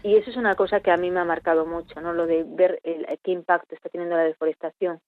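A woman's voice: fairly low pitch, steady tone, fast, no echo. Woman on a tinny phone line. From Spain. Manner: reflective, searching for words. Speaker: veterinarian at a chimpanzee sanctuary. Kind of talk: interview answers.

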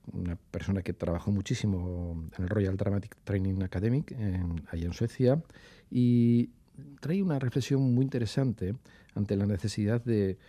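A man's voice: lowish voice, warm tone. A man, a regular guest on a radio show, talking in a thoughtful, hesitant way with many restarts. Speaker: radio regular contributor, music institute director. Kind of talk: casual radio chat. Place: radio studio.

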